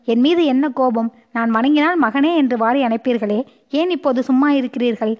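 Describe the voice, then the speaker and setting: An earnest young prince who pleads his case in an audiobook story, his lines read by a woman. The voice is high-pitched. The sound is muffled and lo-fi. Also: normal speed, lightly acted. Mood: pleading.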